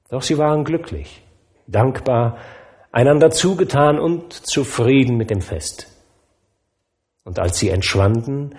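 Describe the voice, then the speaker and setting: A man narrating a classic story aloud, expressive and measured. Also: mid-range voice. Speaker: audiobook narrator.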